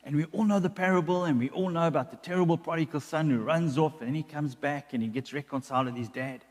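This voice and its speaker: A man's voice: fairly high pitch, quick pace. A male pastor preaching a sermon, often repeating words as he builds a point. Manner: repeats words when building a point, acts out quoted voices. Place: church hall. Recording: long church hall reverb.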